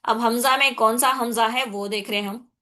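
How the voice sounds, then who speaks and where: A woman with a Hyderabadi Urdu accent teaching a Quran recitation class. She explains tajweed rules patiently, repeats her points, checks in with her students often, and slows down to recite Arabic examples. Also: fairly high pitch, steady tone, sharp tone. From India.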